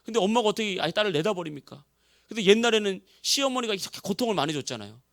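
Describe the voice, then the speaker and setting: A man's voice: sits high, animated, rapid-fire, a bit bright, no room sound, studio quality. A male pastor preaching a sermon, telling a story with feeling and acting out the quoted voices. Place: church sanctuary.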